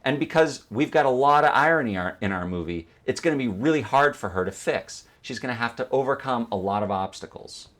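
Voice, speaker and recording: A man's voice: mid-range voice, expressive, brisk, hardly any pauses, fairly bright tone. A man narrating an instructional video as a teacher, explaining step by step and posing questions that he then answers. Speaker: film editing instructor.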